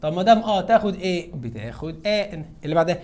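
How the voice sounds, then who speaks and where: A man's voice: high-pitched, expressive, very fast, a little mellow. A man with an Egyptian Arabic accent teaching an English lesson. He asks questions and answers them himself, and speaks some lines in his students' voices. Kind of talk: classroom lesson.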